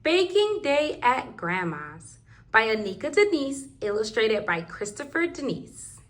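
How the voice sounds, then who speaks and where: A woman's voice: a little high, big pitch swings, measured pace. A woman reading rhyming picture books aloud to toddlers in a sing-song, rhythmic way. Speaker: children's book reader.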